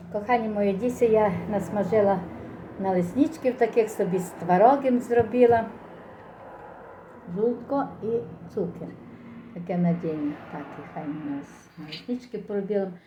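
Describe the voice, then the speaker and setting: A woman's voice: mid-range voice, noisy background. A middle-aged or older woman with a Ukrainian accent and slurred, toothless articulation, chatting casually and folksily to viewers in a rambling eating vlog. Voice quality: slurred articulation from missing teeth.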